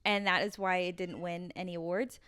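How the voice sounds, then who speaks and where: Teasing young woman with a smooth voice. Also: fairly low pitch, steady tone, brisk, a bit bright, dry recording, studio quality. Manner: playful, teasing, emphatic. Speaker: podcast co-host. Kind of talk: casual chat.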